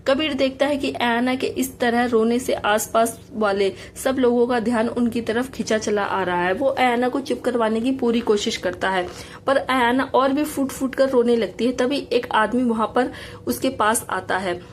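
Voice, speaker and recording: A woman narrating a romantic audio story in a brisk, lively way. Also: on the high side, a little hiss or hum.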